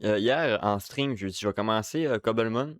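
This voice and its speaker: A man co-hosting a podcast, speaking in relaxed, plain casual chat. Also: fairly low pitch, normal speed, no room sound, studio quality. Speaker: podcast co-host.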